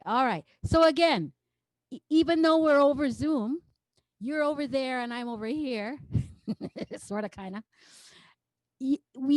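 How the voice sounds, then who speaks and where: A woman's voice: high voice, no echo, rough recording. A woman teaching rhythm in an online choral workshop, talking with a playful, coaxing energy and counting beats for her group. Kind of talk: interactive online music workshop. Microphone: video call.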